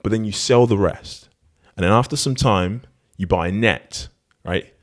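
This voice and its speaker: A man voicing an eager rich businessman who is pitching a plan with persuasive enthusiasm. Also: moderate pace, lightly acted.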